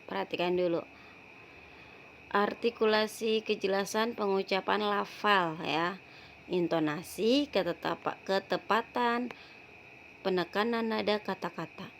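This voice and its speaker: A woman's voice: mid-range voice, a little slow, vocal fry, a little hiss or hum. A woman teaching young pupils in a recorded online lesson, affectionately calling them dear and ending phrases with "ya". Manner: calls pupils "sayang", frequent "ya" tags, repeats words. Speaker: primary school teacher.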